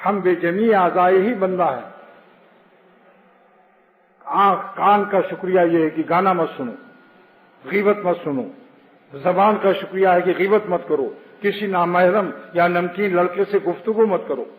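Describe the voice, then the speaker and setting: A man's voice: high-pitched, long pauses. A man giving a religious sermon, explaining his points and telling anecdotes. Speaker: preacher. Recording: phone-like with long hall reverb.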